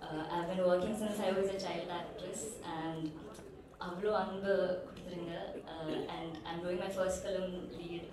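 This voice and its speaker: Flat-voiced young woman in an echoey hall. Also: fairly low pitch, drawn-out words. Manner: flat and steady, listing names with fillers. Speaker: actress giving a launch speech. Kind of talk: stage thank-you speech mixing Tamil and English. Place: large event hall. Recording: echoey hall from far off with crowd.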